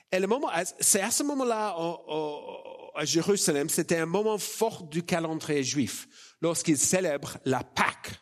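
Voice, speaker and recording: A man with an Australian accent in French, a native English speaker, preaching in an informal, self-deprecating and halting conversational way. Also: on the high side. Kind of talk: sermon, conversational and personal.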